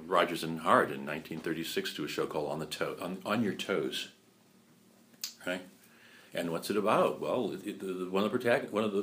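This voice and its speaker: A man giving a lecture, chatty and animated, often asking rhetorical questions and laughing at his own points. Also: low voice. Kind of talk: lecture on musical theater history.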